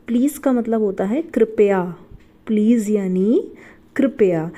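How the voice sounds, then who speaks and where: Mellow-voiced woman teaching slowly. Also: medium pitch. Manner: patient, asks the class and repeats each answer. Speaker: English teacher. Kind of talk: step-by-step spelling and pronunciation lesson.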